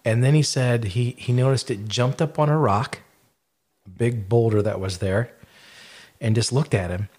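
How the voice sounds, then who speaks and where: A man's voice: mid-range voice, normal speed, a little mellow, slightly rough. A man hosting a podcast, casually retelling eyewitness stories in a rambling way, with lots of fillers and restarts. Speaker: podcast host.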